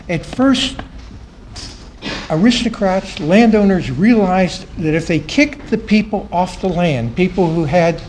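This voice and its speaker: A man's voice: high voice, a little mellow, a little hiss or hum, low-quality recording. Man lecturing, voice fading at phrase ends. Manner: voice drops and trails off at the ends of phrases; emphatic repetition of key phrases. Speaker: conference panel speaker. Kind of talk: academic talk to a live audience. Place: conference room.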